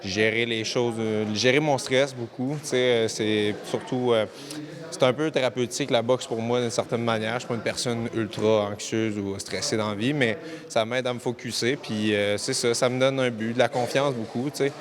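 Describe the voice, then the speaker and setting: A young man with a Québécois accent, an amateur boxer speaking reflectively with frequent pauses. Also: mid-range voice, steady tone, crowd noise. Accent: Québécois French. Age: young adult. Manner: reflective, many "euh" fillers.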